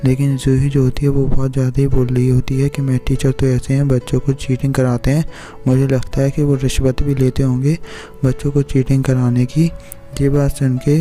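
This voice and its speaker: Flat, dark-voiced male recap narrator. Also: mid-range voice. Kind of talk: casual storytelling recap.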